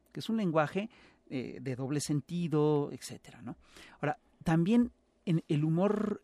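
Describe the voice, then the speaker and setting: A man with a Mexican accent talks as an interview guest, lecturing at length and pausing often on filler sounds. His voice sits a bit high for a man. The sound is close and dry, with no room around it. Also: a little mellow, dry recording. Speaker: guest expert on Mexican humor and cinema. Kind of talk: explanatory interview talk.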